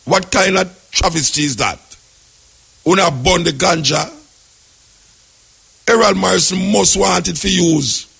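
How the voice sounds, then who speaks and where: A man's voice: on the high side, creaky, fairly bright tone, husky. A man with a Jamaican accent hosting a radio call-in show, opinionated and rambling, often repeating his words. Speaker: radio talk show host.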